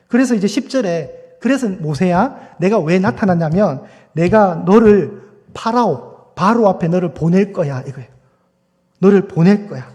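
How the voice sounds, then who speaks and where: High-voiced pastor preaching in reverberant hall. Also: male voice, mellow. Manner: conversational preaching with rhetorical questions to the congregation. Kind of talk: sermon. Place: church sanctuary.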